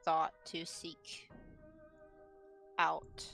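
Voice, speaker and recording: Female tabletop player, lowish voice, halting formal role-play, faint music underneath. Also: completely flat delivery, vocal fry, bright, forceful tone. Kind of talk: improvised in-character role-play.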